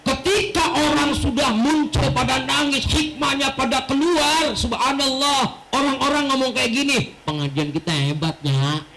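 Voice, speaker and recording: A male preacher giving an animated mosque sermon, joking and quoting Arabic texts. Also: very high-pitched, normal speed, few pauses, over music, low-quality recording. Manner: animated storytelling with jokes and Arabic quotations. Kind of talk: mosque study-circle sermon. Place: mosque hall.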